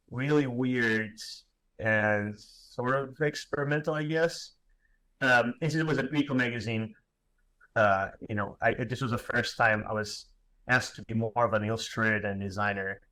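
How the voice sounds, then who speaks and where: A man's voice: medium pitch, sharp tone, poor audio. A man in his thirties from Portugal with a Portuguese accent, giving an online lecture in English with many fillers and restarts. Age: 30s. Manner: halting, many fillers and restarts, self-deprecating. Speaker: graphic designer giving a lecture.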